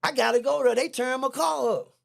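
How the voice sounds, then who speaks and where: A middle-aged man, a podcast guest, telling a story in a lively, slangy way, repeating himself and jumping high when excited. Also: brisk, gravelly. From Texas. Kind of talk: animated storytelling. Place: podcast studio.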